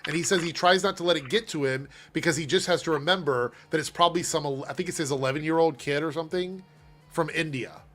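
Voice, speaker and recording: Male livestream host, fairly high voice, chatty, animated, laughs often. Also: quick pace, faint music behind. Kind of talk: casual chat, reading super chats.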